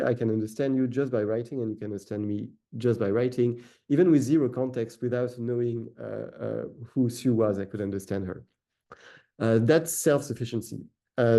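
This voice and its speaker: Mellow and medium-pitched with some vocal fry, this man's voice carries an academic lecture. He's a researcher whose first language is French, speaking with a French accent, and he often says "uh" and corrects himself.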